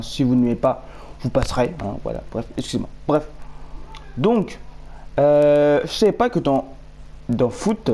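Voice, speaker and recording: A man's voice: mid-range voice, dark tone. A young man chatting casually to viewers while showing his video game team, rambling and correcting himself often. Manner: rambling, hesitant, self-correcting. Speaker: gaming YouTuber. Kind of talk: casual gameplay commentary.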